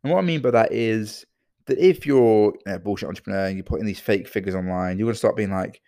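A tired British man with a low, gravelly voice, hosting a solo podcast. He rambles, stacking fillers and repeating his words. The sound is close and dry, with no room around it. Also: fast, mellow, no room sound. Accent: British English. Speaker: podcast host and entrepreneur.

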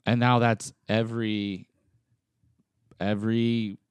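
A man's voice: on the low side, level tone, slow, clear, resonant tone, dry recording. A man co-hosting a casual comedic chat, reacting informally and freely swearing. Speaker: podcast co-host reacting and commenting.

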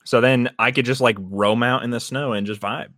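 A man's voice: mid-range voice, fairly even intonation, moderate pace, fairly bright tone, no room sound. Rambling young man, dry close sound. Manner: rambling, teasing. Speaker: friend in a group chat. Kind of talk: casual banter.

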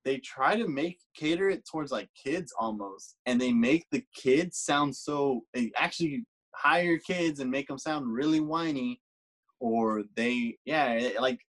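A man co-hosting a casual podcast, ranting in an animated way and swearing freely. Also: mid-range voice, a little slow, poor audio. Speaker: podcast co-host. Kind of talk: casual chat.

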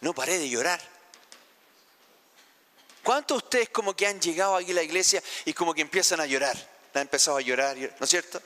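A Chilean pastor preaching a heartfelt sermon, asking the congregation questions. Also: male voice, on the high side, lively intonation, fairly quick, long pauses, sharp tone, big-room sound. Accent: Chilean Spanish. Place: church sanctuary.

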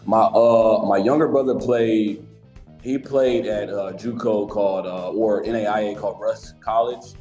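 Laid-back young man, low voice. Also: measured pace, soft background music. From Alabama. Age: young adult. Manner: relaxed, rambling, many restarts. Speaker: college basketball player guest. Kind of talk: casual interview chat.

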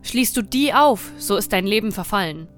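A woman's voice: mid-range voice, expressive, moderate pace, soft background music, close to an everyday voice. A woman voicing a stern, murderous nobleman who gives cold, threatening commands in a fairy tale reading. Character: stern, menacing nobleman Bluebeard, murderous husband.

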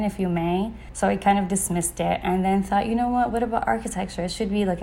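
A woman's voice: lowish voice, warm tone. A young adult woman from Saudi Arabia, a podcast guest, telling her story in a casual interview with frequent "like" and "you know". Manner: conversational, peppered with "like" and "you know".

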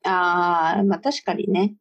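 A woman in relaxed casual chat with a friend, trying out odd sounds and laughing along. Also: fairly low pitch, slow pace. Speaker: co-host. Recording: dull lo-fi recording.

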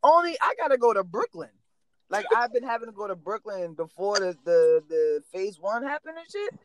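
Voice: medium pitch, big pitch swings, moderate pace, poor audio. A co-host, talking bluntly and profanely in a laid-back podcast chat. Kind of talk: casual smoke-session chat.

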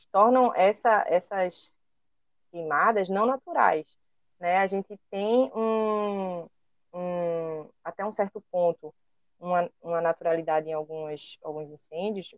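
A woman's voice: medium pitch, no echo. A woman with a Brazilian Portuguese accent, co-hosting an educational podcast and explaining carefully, with frequent hesitations as she searches for words. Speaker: co-host. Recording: dry, dull lo-fi recording.

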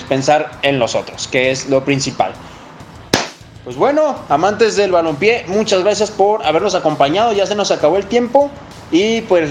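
A man's voice: a little high, slight background noise. A man with a Mexican accent hosting a football show, giving casual, blunt opinions in slangy, emphatic speech.

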